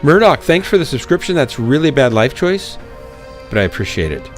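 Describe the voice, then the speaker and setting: A man's voice: medium pitch, big pitch swings, fairly quick, faint music behind. A man hosting a live game stream, chatting casually in a joking, drily teasing way. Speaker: streamer and host.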